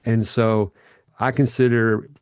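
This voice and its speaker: A man's voice: on the low side, level tone, slow pace, clear, resonant tone, dry recording, clean studio sound. A middle-aged man hosting a podcast interview and reading an earnest, welcoming introduction. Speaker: podcast host.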